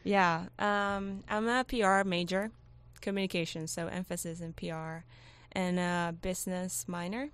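A woman's voice: lowish voice, steady tone, unhurried, hardly any pauses, fairly bright tone, smooth. A woman, a student guest on a radio show, giving brief, easygoing answers. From Venezuela. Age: 20s. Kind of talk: casual interview answers.

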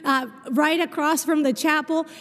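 Woman, high voice, Spanish-Portuguese accent, story-led sermon, long chapel reverb. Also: steady tone, normal speed. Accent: Spanish and Portuguese mix. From Argentina. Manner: warm storytelling with self-deprecating humor. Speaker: chapel speaker. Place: large chapel, live service.

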